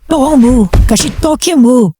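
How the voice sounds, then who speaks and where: A woman's voice: medium pitch, big pitch swings, rapid-fire, noisy background, natural voice. A woman voicing a cold, angry old woman who gives harsh, urgent commands. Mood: threatening.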